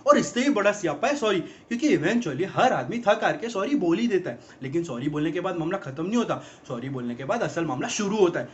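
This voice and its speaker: An actor playing an exasperated young man in a rapid-fire, mocking film comedy monologue about girlfriends. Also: sits high, sing-song. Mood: ranting. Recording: dull lo-fi film audio.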